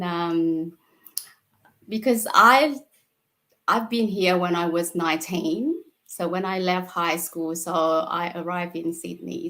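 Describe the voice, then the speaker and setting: A woman in her forties, born in Vietnam with Vietnamese as her first language, talks as an interview guest, unhurried and simple, with fillers and soft laughs. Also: fairly low pitch. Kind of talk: casual interview.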